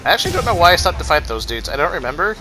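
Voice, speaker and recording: A man's voice: fairly high pitch, very animated, racing, rough recording. A man giving casual commentary over a video game playthrough, rambling along with lots of "like" and "um". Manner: rambling, many fillers and restarts. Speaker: gaming YouTuber. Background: game music.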